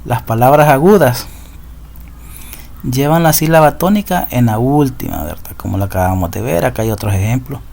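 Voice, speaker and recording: A man's voice: mid-range voice, lively intonation, normal speed, creaky, a little mellow. A man teaching a recorded lesson, patiently explaining rules and often checking in with his students. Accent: Central American Spanish. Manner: patient, repeats rules and asks ¿verdad?.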